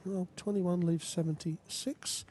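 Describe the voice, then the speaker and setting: A man's voice: high-pitched, steady tone, a little slow, mellow. A man giving conversational, analytical live darts commentary as a co-commentator. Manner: analytical, addresses his co-commentator.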